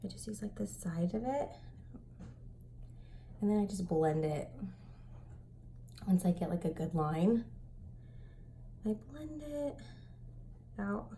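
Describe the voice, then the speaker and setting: Chatty young woman with a gravelly edge. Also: medium pitch, lively intonation, slow pace, long pauses, a little hiss or hum. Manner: chatty, rambling, with many fillers and soft whispered asides. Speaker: beauty vlogger. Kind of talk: makeup tutorial chat. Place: home.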